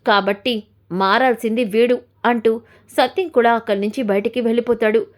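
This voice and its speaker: A woman's voice: a little high, fairly even intonation, normal speed. A woman narrating a retelling of a TV serial episode, reading out the characters' lines in plain storytelling. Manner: plain storytelling, reads out dialogue.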